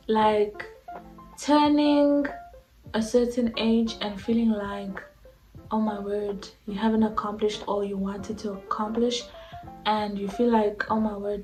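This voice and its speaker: Twenty-something woman from south africa vlogging, slow easy rambling chat, roomy echo, soft music under it. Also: mid-range voice. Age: 20s. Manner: chatty, rambling, lots of fillers. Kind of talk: casual talk to camera.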